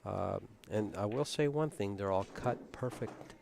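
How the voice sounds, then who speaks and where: A man's voice: on the low side, a little slow, creaky, background noise. Easygoing man calling a pool match. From Tucson, Arizona. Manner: relaxed, knowledgeable, chatty. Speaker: play-by-play commentator. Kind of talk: pool tournament commentary.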